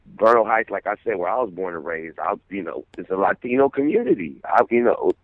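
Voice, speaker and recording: A low-voiced man calls in to a radio interview, speaking earnestly and circling back over his words as he thinks. The sound is thin and tinny like a phone line, and very dry. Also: expressive, brisk, no room sound. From San Francisco, USA. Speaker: guest artist.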